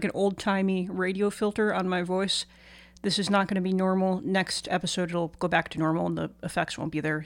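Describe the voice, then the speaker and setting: A woman radio host informally introducing her show in a halting, conversational way. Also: mid-range voice, dry recording.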